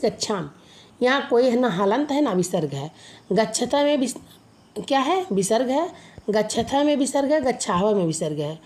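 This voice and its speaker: A woman teacher with a fairly high voice explains a grammar lesson. She poses questions to her students and answers them herself. She slowly recites lists of verb forms for them to repeat. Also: a little mellow.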